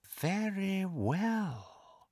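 A man voicing a cold, mocking dark wizard lord in an audiobook, with a soft, silky hiss and slow, pompous menace. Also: high voice, lively intonation, no echo, studio quality, pitched above the performer's own voice, exaggerated voice. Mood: cold threat.

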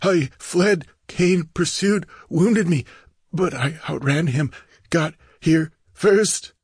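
A man's voice: a little high, slow, breathy edge, dry recording, clean studio sound, pitched above the performer's own voice, full character voice. A man voicing a fearful, superstitious bandit who speaks gloomily in an audiobook reading. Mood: gasping. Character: frightened, superstitious male bandit.

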